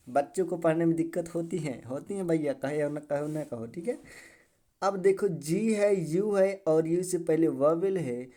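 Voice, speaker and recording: A man giving an English pronunciation lesson. He keeps repeating words and asking the viewer quick questions. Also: a little high, warm tone. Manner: drills each word over and over. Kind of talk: classroom-style video lesson.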